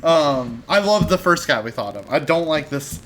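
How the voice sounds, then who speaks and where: A man's voice: on the high side, lively intonation, moderate pace, a bit bright, slight background noise. A man co-hosting a casual gaming podcast, giving blunt, emphatic opinions with casual swearing. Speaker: podcast co-host.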